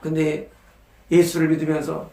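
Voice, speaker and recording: A man's voice: a little high, completely flat delivery, normal speed, vocal fry, dark tone, roomy sound. A male pastor preaching a sermon, asking rhetorical questions and answering them with emphasis. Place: church sanctuary.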